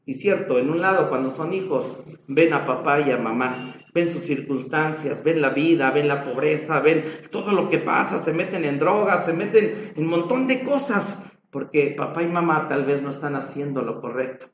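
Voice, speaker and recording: A pastor with a Mexican accent preaches a sermon in a church, telling stories with drama and passion. His voice is a little high, his speed is normal, and the sound is roomy.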